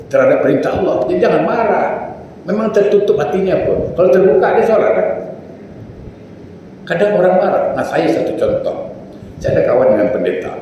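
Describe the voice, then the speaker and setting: A man preaching in a mosque, lively, asking many rhetorical questions. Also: mid-range voice. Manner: animated, rhetorical questions, acts out quotes. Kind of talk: mosque sermon. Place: mosque hall. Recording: roomy echo, far from mic, faint hiss.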